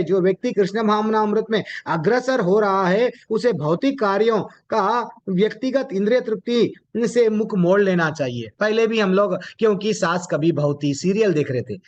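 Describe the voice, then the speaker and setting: A man teaching a devotional scripture class, explaining each point, asking his listeners questions and repeating phrases for emphasis. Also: high voice. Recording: dull lo-fi audio.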